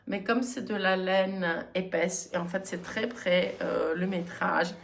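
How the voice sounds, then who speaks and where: A woman hosting her knitting podcast in a casual, chatty way, often pausing with hesitant fillers. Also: on the low side, steady tone, vocal fry, a little hiss or hum. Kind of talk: casual chat.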